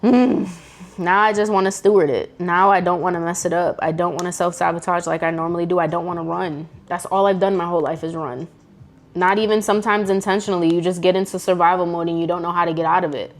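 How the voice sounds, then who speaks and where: A woman's voice: lowish voice, level tone, quick pace, soft background music. A woman speaking to camera in an earnest, emotional personal faith testimony, casual and full of slang. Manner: earnest, fervent, casual slang-filled talk. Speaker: vlogger sharing a faith testimony. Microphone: camera mic.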